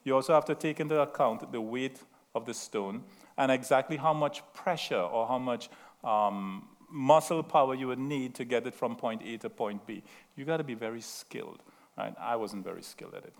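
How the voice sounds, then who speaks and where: A creaky, mid-range voice at normal speed: a middle-aged Trinidadian-accented man preaching in a talkative way. He jokes about himself, tells stories, and turns to the room with "right?"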